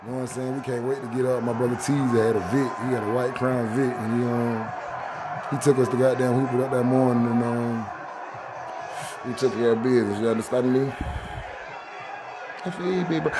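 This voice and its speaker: A young man from Jacksonville, Florida, gives loud, excitable casual commentary on basketball clips, swearing heavily and breaking into shouts. His voice is medium in pitch, with a noisy background.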